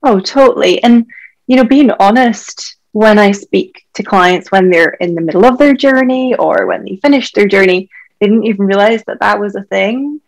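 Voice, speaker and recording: Her medium-pitched voice comes at a normal speed over poor audio. She's a Scottish woman in her thirties who works as a doctor and health coach, chatting candidly on a podcast as a guest and filling her speech with "like."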